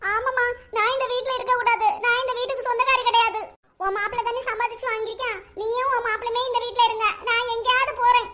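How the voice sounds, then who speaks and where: A very high, shrill cartoon mother-in-law, played by a performer who wails and plays the martyr in a Kanyakumari Tamil accent. Her voice is bright and piercing, and she is endlessly self-pitying and dramatic. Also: little pitch movement, fast. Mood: wailing. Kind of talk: cartoon voice acting.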